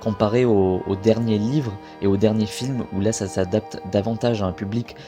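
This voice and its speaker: Casting: young French guy, lowish voice, easygoing vlog chatter, faint music bed. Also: steady tone, moderate pace. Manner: chatty, self-correcting. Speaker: video creator. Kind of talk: casual talk to camera.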